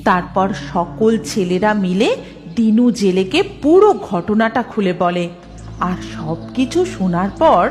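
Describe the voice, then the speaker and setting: A woman's voice: medium pitch, expressive, a little slow, a little mellow. A woman narrating a scripted story as the storyteller. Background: music.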